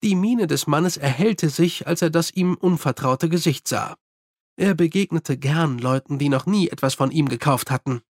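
A man narrating an audiobook in a steady storytelling manner. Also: a little high, moderate pace, dry recording, studio quality. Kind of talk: scripted narration.

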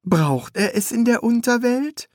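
Keen, naive young apprentice. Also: male voice, very high-pitched, animated, a little slow, no room sound, studio quality, voice pushed up. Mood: eager. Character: eager chatty young male apprentice.

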